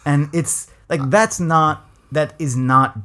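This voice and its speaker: A podcast host from Los Angeles, speaking with a West Coast American accent, leads a casual conversational interview. His voice is on the high side, slow and sharp in tone, and he sounds thoughtful, with many restarts and hedges.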